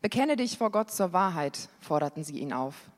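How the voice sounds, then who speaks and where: A woman reading a Bible passage aloud in a church service, with an expressive reading that lifts on the quoted questions. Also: on the low side, moderate pace. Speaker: scripture reader. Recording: long hall reverb.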